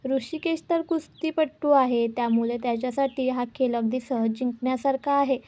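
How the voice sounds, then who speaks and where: A woman narrates a soap-opera episode in a high, mellow voice. Her telling is dramatic and scripted, and she keeps turning to address her viewers. The tone stays rounded and gentle, never sharp. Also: steady tone, normal speed. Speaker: serial episode reviewer.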